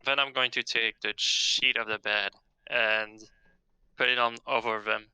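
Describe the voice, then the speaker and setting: A man's voice: mid-range voice, steady tone, unhurried, bright, forceful tone, smooth, dry recording, low-quality recording. A man playing a tabletop game, carefully checking details with questions. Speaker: player. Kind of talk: casual tabletop game chat.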